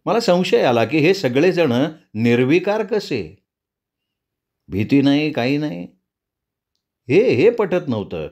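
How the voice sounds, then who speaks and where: A man narrating a spooky story in a dramatic, deliberate storytelling manner. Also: a little high, sing-song, darkish tone.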